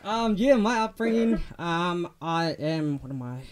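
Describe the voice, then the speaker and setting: Speaking at a measured pace in a high voice, a young New Zealand man chats as a guest in a casual interview. He is relaxed, and his talk is full of ums and restarts.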